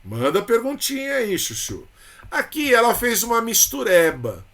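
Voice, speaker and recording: A man's voice: very high voice, huge pitch swings, measured pace, a bit bright. A man with a Brazilian Portuguese accent teaching a literature lesson for exam prep, chatty and informal, with frequent tag questions and fond terms of address for his students.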